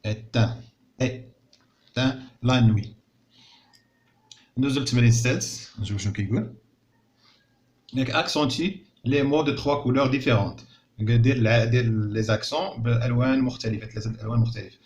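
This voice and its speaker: A man teaching a recorded lesson in Moroccan Arabic. He repeats words slowly and carefully, then explains them in Arabic. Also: mid-range voice, a little mellow. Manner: slow, drawn-out word repetition. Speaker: primary school teacher.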